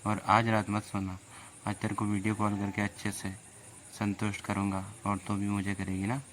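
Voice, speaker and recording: A man's voice: lowish voice, monotone, moderate pace, a bit bright, slight background noise. A man in a casual, teasing chat in which he plays a possessive boyfriend. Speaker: host chatting with an AI girlfriend.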